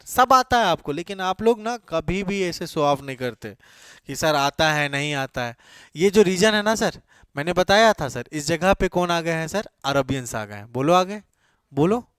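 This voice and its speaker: High-voiced man teaching an exam-prep class. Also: a bit bright, clear, resonant tone, dry recording, studio quality. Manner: quizzes students with repeated questions, then answers himself; mixes English phrases into his talk. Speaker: coaching teacher.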